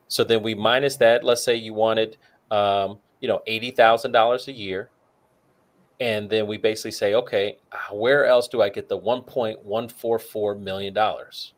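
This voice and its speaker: On the low side and fairly even in intonation, this man's voice moves at a moderate pace. As a co-host on a talk show, he talks through retirement figures out loud in a casual manner, leaning heavily on "you know" and other fillers.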